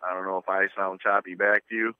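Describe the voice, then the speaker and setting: A man's voice: low voice, level tone, fast, clean tone, no echo. A man calling in to a radio talk show from his phone while driving, his voice coming through a choppy, breaking-up connection. He speaks plainly and sounds uneasy. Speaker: radio call-in caller. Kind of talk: casual call-in chat. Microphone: cell phone in a moving car. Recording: tinny phone line.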